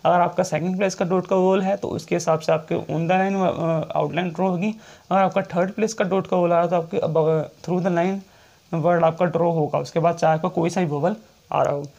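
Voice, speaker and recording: A man teaching shorthand in a classroom-style lecture, repeating each point and checking in often, and reading English rule text out slowly. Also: high-pitched, steady tone, gravelly, a little mellow, highs cut off.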